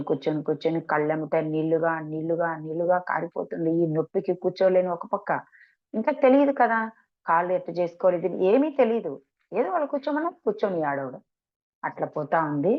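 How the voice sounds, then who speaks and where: Earnest middle-aged woman telling her story. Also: lowish voice. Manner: earnest, repeats words for emphasis, acts out quoted dialogue. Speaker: meditation practitioner sharing a testimony. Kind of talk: emotional personal storytelling. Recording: dull lo-fi sound.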